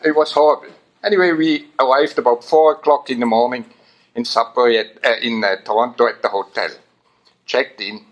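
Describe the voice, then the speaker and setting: A man from Switzerland, telling an animated anecdote at a memorial. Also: medium pitch, fairly quick. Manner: animated anecdote with voiced quotes. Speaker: memorial speaker. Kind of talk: storytelling at a memorial.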